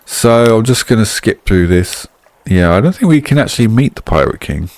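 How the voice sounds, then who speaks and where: A man's voice: fairly low pitch, animated, normal speed, dry recording. A man hosting a video game playthrough, chatty and offhanded, reading the game's narration aloud and then commenting on it.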